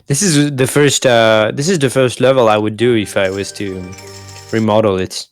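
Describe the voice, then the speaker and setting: A man's voice: fairly low pitch, normal speed. A man chatting casually about a game in an easygoing, hesitant way. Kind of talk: casual let's play chat. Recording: faint music underneath.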